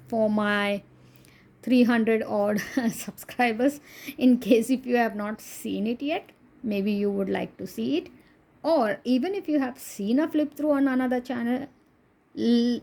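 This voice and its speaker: Paging through a coloring book, a Konkani-speaking woman from India chats away with an Indian accent, frequently laughing and poking fun at herself. Her pitch is fairly high and her voice a little mellow.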